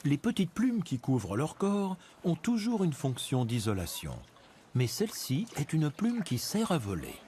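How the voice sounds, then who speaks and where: A man narrating a nature documentary from a script, in a measured, expository storytelling manner with dramatic emphasis. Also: on the high side, huge pitch swings, dark tone, slight background noise. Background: music bed behind the voice.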